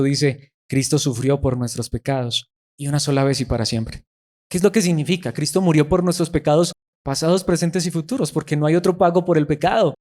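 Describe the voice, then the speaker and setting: A man's voice: on the high side, dark tone. A man preaching a sermon emphatically, asking his listeners rhetorical questions and repeating words for stress.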